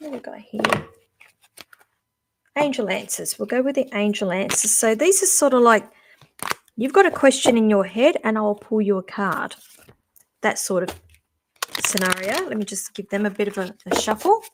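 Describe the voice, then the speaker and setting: A woman's voice: mid-range voice, animated, background noise. A middle-aged woman giving a casual live-stream psychic reading, musing aloud and stopping and restarting as she talks. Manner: chatty, musing aloud, halting with restarts and fillers. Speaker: psychic reader.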